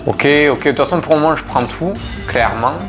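A man chats through his gameplay session, speaking straight to his viewers and stumbling through fillers and restarts as he goes. His voice sits at an ordinary middle pitch. Faint game music plays quietly underneath. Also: quick pace. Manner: chatty, addresses viewers, frequent fillers and restarts. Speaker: gaming YouTuber. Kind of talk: casual let's-play commentary.

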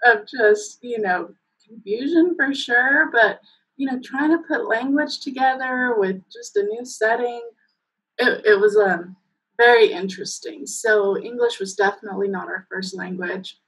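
Speaking unhurriedly in a fairly high, expressive voice with a slight roughness, a Spanish-speaking Mexican woman in her thirties tells warm stories, peppering them with fillers and laughing in bursts. She's the guest in a relaxed video-call interview from indoors at home, heard through a laptop webcam with poor audio quality.

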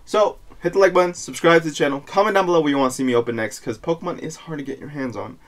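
A young man hosting a pack-opening video, chatting casually with slangy, excitable frat bro hype. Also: on the high side, rapid-fire. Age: young adult. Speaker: YouTube host opening trading card packs. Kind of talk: casual excited chat to camera. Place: small indoor room at home.

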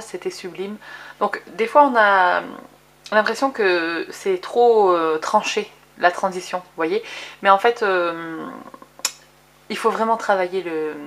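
A woman hosting a relaxed craft tutorial, talking her viewers through colour samples. Her delivery is chatty and unpolished, full of hesitations and restarts, and she pokes fun at her own English accent. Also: medium pitch, a little hiss or hum. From France. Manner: chatty, with many fillers and self-corrections. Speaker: craft video host.

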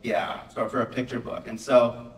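Male author on a panel, mid-pitched and lively, recorded in a roomy auditorium. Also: normal speed. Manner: animated, acts out quotes with a raised voice. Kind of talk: casual storytelling to an audience. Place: school auditorium. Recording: roomy hall, mic from a distance.

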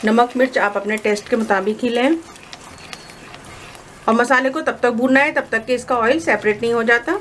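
A woman explaining a recipe step by step in a calm, instructive voice-over as cooking show host. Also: fairly high pitch, moderate pace, long pauses, a little hiss or hum. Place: home kitchen.

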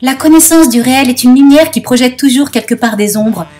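A woman reading aloud, putting on the voice of an excited female hostess who gushes about a philosopher. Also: high voice, brisk, faint music behind, voice pushed up, lightly acted. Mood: gushing. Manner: gushing, excited. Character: bubbly female phone hostess, philosophy buff.

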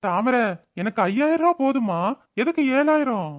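A woman's voice: high voice, sing-song, moderate pace, voice pushed down. A woman voicing a kindly, forgetful middle-aged village man in a cartoon, speaking in plain, apologetic village speech. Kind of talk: cartoon voice-over. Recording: dull lo-fi sound.

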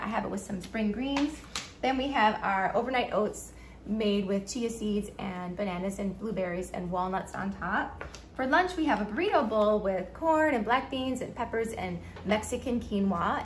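A middle-aged woman hosting a casual cooking vlog, chatting and explaining as she cooks at home, recorded on a camera mic a few feet away in her kitchen. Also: medium pitch. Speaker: cooking channel host. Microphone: camera mic, framed from a few feet away. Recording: echoey kitchen, faint room hum.

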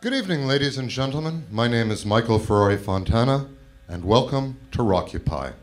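A man's voice: medium pitch, animated, a little fast, a little hiss or hum. Brief: middle-aged male host, stage announcer, handheld mic, small theater. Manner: announcer-like, building to a hype call. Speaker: show host. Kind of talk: stage introduction. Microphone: handheld mic on stand.

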